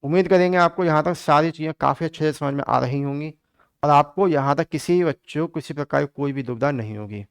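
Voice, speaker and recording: A man's voice: on the high side, fast talker, clear, resonant tone, dry recording, studio quality. A man teaching an online exam-prep math lesson in a chatty way, calling his students kids and joking as he works through problems.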